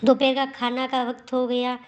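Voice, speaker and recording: A woman narrating a family story in a scripted, measured storytelling manner. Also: sits high, muffled recording. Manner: slow, even storytelling.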